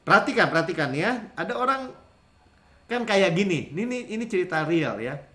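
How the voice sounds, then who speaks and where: Animated high-voiced man preaching. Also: fairly quick. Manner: lively conversational preaching, acts out quoted voices. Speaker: pastor. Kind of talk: sermon.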